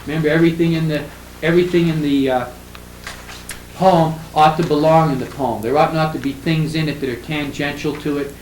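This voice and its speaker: An older man giving a classroom lecture on poetry, halting with fillers and restarts, reading verse lines slowly with heavy stress. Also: fairly high pitch, fairly even intonation, darkish tone. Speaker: literature professor. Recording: echoey room with faint ambient noise.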